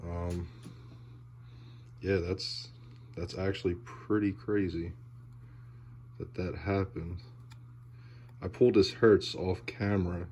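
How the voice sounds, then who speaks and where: A man giving casual, laid-back commentary as he opens card packs, halting and trailing off, with audible heavy breathing. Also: low-pitched, fairly even intonation, darkish tone, a little hiss or hum. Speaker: host of a sports card pack-opening video.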